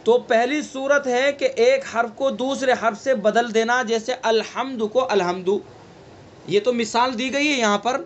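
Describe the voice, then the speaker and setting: High-voiced man teaching a tajweed class. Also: fairly even intonation, slight background noise. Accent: Delhi Urdu. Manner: slow, repetitive teaching, asks and answers own questions. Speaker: Quran recitation teacher. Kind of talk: online tajweed class lecture.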